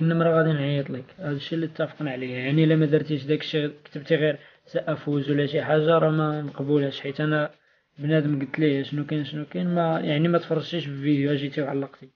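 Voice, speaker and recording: Male vlog host, Moroccan accent, very rapid informal giveaway announcement, slightly high voice, dull lo-fi sound. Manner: informal, off-the-cuff. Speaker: video channel host.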